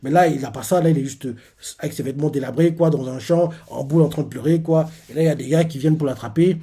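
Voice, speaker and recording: A man's voice: a little high, quick pace, creaky, warm tone, breathy edge. A man hosting a live manga reaction. He retells a comic chapter in casual, rambling talk full of filler words and restarts.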